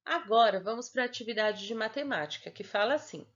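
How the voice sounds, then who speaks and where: A young woman with a Brazilian Portuguese accent explains a homework sheet to young children at a slow, patient pace. Her voice sits a little high and turns sing-song, and she keeps checking in with her pupils. The home recording sounds dull and lo-fi. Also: lively intonation. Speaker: primary school teacher.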